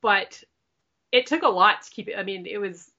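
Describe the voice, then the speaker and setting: A woman's voice: mid-range voice, normal speed, sharp tone. Casual woman co-host, slightly dull sound. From Canada. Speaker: podcast co-host. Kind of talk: casual chat.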